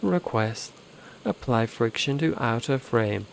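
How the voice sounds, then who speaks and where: A man's voice: mid-range voice, expressive, slow, gravelly, a little hiss or hum. A man voicing a literal-minded robotic machine intelligence, reading its lines in stiff, clipped, precise wording. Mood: formal. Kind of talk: reading game dialogue aloud.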